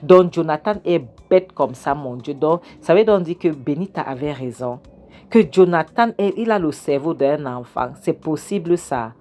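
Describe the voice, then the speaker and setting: A woman's voice: low voice, lively intonation, normal speed, warm tone. A woman casually retelling a film scene by scene from her kitchen, acting out the characters' lines with animation. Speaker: film recap narrator. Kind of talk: casual film recap storytelling.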